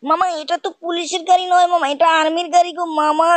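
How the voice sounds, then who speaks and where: Gamer doing a tiny whiny cartoon kid voice, super high, rattles it off quick, dry sound. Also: level tone, dry recording. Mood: eager. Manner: whiny, ends every sentence with "mama". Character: whiny little boy nephew, cartoon kid. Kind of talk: cartoon voice over gameplay.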